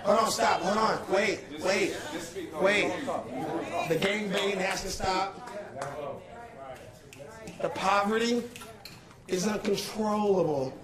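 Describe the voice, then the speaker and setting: Young male protester, raised high voice, urgent and pleading, roomy council chamber, loud crowd noise behind. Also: slow, long pauses. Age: young adult. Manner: urgent, pleading, repeats himself to hold the room. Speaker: protester addressing a council meeting. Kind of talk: impassioned public address. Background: shouting crowd.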